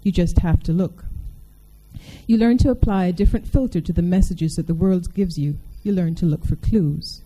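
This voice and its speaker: Wry woman with a dark, mellow voice. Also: fairly low pitch, moderate pace, rough recording. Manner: wry and conversational, asks the audience questions. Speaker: speaker addressing an audience. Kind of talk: public talk with a reading from a novel.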